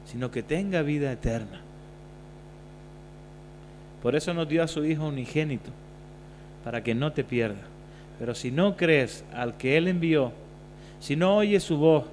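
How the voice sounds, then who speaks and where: A male pastor preaching a sermon, moving between quiet passages and loud, emphatic bursts. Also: fairly high pitch. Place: church hall. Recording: reverberant church hall, faint hum.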